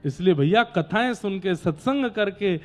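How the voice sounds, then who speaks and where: A man giving a devotional discourse, telling a sacred story to a gathering and now and then breaking into slow song. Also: high voice, expressive, faint music behind.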